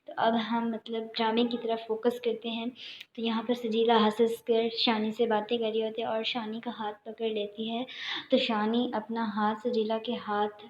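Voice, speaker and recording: A young woman chats her way through a drama recap in a fairly high, flat voice that barely rises or falls. She pauses often on fillers. The sound is roomy and a little dull. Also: slight background noise. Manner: chatty, with frequent fillers. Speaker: channel host. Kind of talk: casual drama episode recap.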